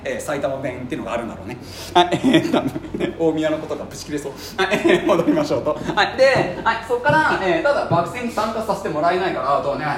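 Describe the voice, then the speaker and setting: A man's voice: on the high side, roomy sound, slight background noise. A man teaching history in a casual, joking lecture style, chatty with many fillers. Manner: rapid, jokey, chatty, with frequent fillers and laughs. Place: classroom.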